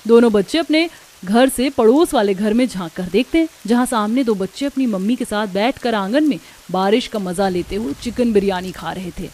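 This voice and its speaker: A woman narrating a cartoon story in a plain, steady way. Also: mid-range voice, moderate pace.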